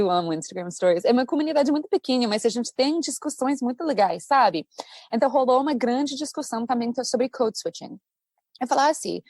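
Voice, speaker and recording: Brief: woman, English speaker, podcast guest, bright higher voice, dry close sound, animated talker. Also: dry recording. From United States. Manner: animated, thinks aloud with many asides. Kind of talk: casual podcast conversation.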